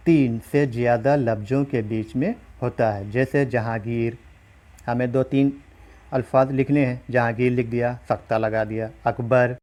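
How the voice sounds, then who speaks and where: A man's voice: mid-range voice, a little mellow. Man, teacher, online exam-prep lesson, explains step by step, checks in with listeners. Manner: explains step by step, often asks listeners "ठीक है साथियों". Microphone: recorded while writing on a screen.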